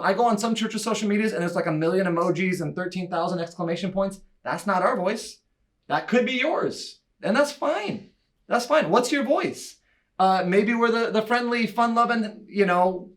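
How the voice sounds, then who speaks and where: A man giving an enthusiastic, chatty breakout talk at a church conference, with quick asides and laughs. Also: high voice, fairly bright tone. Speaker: church media leader speaking at a conference breakout. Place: church breakout session room.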